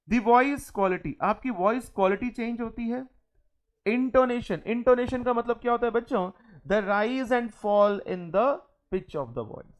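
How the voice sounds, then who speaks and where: A young man. He reads each English line slowly and carefully, then explains it at an easy conversational pace. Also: very high voice. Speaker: teacher. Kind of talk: classroom lecture.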